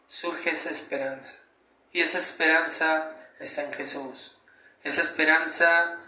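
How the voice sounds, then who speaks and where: A man's voice: on the high side, bright, forceful tone. A man preaching a sermon, reading a Bible passage and pleading with fervent, emphatic rises. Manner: fervent, rising to emphatic pleas. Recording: echoey room.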